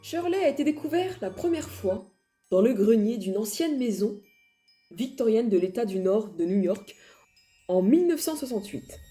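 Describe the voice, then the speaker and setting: A woman's voice: a little high, expressive, normal speed, mellow, faint music behind. Chatty woman telling ghost stories. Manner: chatty, laughs at herself, dramatic emphasis. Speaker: paranormal storyteller. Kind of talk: casual storytelling.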